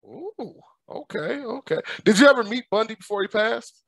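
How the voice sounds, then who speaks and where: A man hosting a casual podcast interview, upbeat and full of slang, often breaking into laughter. His voice sits high, and it is recorded close and dry with no room sound. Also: lively intonation, moderate pace, fairly bright tone, no room sound. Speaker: podcast host.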